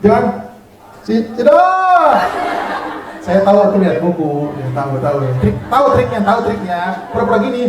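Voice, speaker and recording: A man's voice: sits high, expressive, fast talker, hardly any pauses. A man teaching Quran recitation rules to a class, counting them in, drilling terms and teasing them with praise. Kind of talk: classroom tajwid lesson with call and response. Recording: echoey room from far off, noisy crowd.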